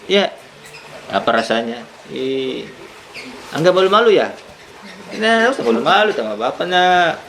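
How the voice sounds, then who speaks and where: A man's voice: on the high side, big pitch swings, unhurried, long pauses, fairly bright tone, slight background noise, poor audio. A man teaching a young child, patient and coaxing, asking many questions. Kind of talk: one-on-one lesson with a young child.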